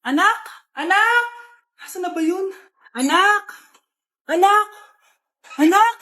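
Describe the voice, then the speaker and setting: A woman's voice: extremely high pitch, animated, slow, bright, forceful tone. A woman acting out comedy skits, switching between exaggerated characters. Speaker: comedy skit performer. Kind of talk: comedic skit acting, many roles. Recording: echoey room with music.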